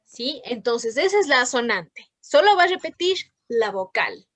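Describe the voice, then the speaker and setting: Female teacher on an online class, high-pitched and dry, patient explainer. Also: sing-song, normal speed, fairly bright tone, no echo. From Ecuador. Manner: patient, checks in with frequent questions.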